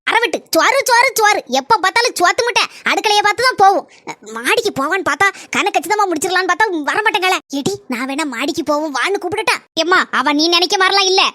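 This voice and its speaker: A woman with a Kanyakumari Tamil accent voicing a scheming village mother-in-law and her gossiping friend in a cartoon, talking fast and scolding. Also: very high-pitched, bright, forceful tone, no echo, full character voice.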